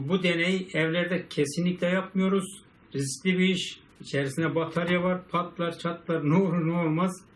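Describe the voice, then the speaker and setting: A man with a fairly high voice hosts a casual repair vlog, grumbling and exasperated as he talks half to himself and half to his viewers. A faint hum of background noise sits under his voice. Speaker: repair video host. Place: home repair workshop.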